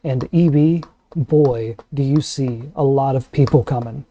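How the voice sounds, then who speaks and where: A man's voice: medium pitch, unhurried, highs cut off, a little hiss or hum. A man casually narrating a tabletop role-playing game as game master.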